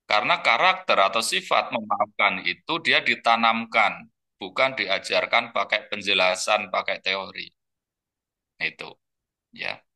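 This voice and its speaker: A man giving a relaxed parenting lecture for a webinar, chatty and full of fillers, sometimes acting out gentle words a parent says to a child. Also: lowish voice, unhurried. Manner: conversational, with many fillers and repeated phrases. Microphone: webinar computer mic.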